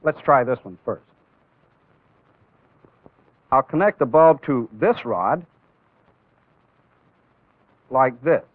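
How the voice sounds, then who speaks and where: With an animated, medium-pitched voice, a man leads an instructional demonstration in an old training film. He moves deliberately through each step and stresses key terms. The audio is narrow and tinny, with no echo.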